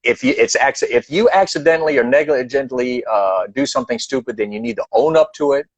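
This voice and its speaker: A man's voice: mid-range voice, brisk, no room sound. Emphatic guest speaker, man, repeats points, dull dry call audio. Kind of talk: earnest advice in a live online chat.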